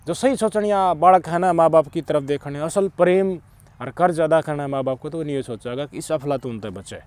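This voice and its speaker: A middle-aged host with a Haryanvi accent gives moralizing, emphatic social commentary on his channel, moving between booming outbursts and low mutters. His pitch is fairly high, and there's no room sound.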